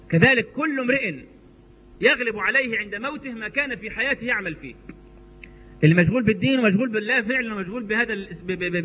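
A man with an Egyptian accent preaching a sermon, telling stories animatedly with colloquial asides. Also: very high voice. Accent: Egyptian Arabic. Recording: echoey hall, dull lo-fi sound.

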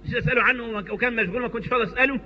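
A man's voice: extremely high pitch, rapid-fire, long reverb tail, dull audio, slight background noise. A man playing a regretful old companion in Egyptian Arabic. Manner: earnest, stammering regret.

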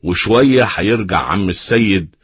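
A man with an Egyptian accent acting a serene, devout, fatherly old monk who speaks with gentle reassurance in a religious drama. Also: sits low, expressive, moderate pace, husky, dry recording. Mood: calm, confident.

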